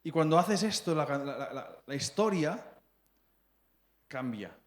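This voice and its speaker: This preacher from Spain, a man in his thirties, talks to his congregation slowly in a rather high voice with lively intonation. The sermon is chatty and full of check-ins, with repeated words and stumbles as he hunts for phrasing, and the church hall echoes.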